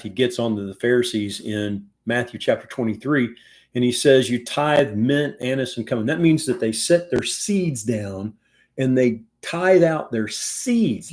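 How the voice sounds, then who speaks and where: A man's voice: mid-range voice, a little mellow. A man leading an informal Bible study from a room at home, talking conversationally with frequent restarts and asides. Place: home room, teaching over a video call.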